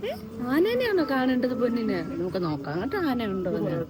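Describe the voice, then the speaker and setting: A young woman from Kerala talking to her toddler at a zoo, with coaxing, drawn-out baby talk and quizzing questions. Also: on the high side, wildly swooping pitch, a loud crowd. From Kerala, India. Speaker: mom vlogger. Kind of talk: sing-song talk to a toddler. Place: outdoors at a zoo. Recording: outdoor noise behind the voice.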